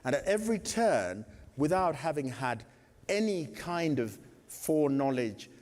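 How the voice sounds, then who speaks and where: An older man from Kenya tells stories from his life to a festival audience, wry and digressive, full of vivid asides. His mid-pitched voice carries a long reverb from the theatre hall. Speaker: guest speaker at a theatre festival. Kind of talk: anecdotal storytelling talk.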